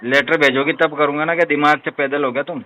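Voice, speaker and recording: A man's voice: a little high, fairly even intonation, quick pace, pushed and bright. A man on a recorded phone call, arguing rudely and taunting the caller. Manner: insolent, taunting, uses rude familiar address. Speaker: borrower on recorded calls. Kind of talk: rude phone argument.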